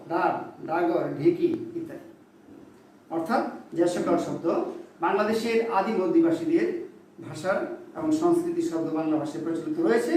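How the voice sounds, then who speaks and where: High-pitched man lecturing in an echoey room. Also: a little mellow, distant mic. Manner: slow, deliberate listing of example words. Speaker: Bangla grammar teacher. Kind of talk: classroom-style lecture. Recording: very echoey room, voice from off-mic, faint background noise.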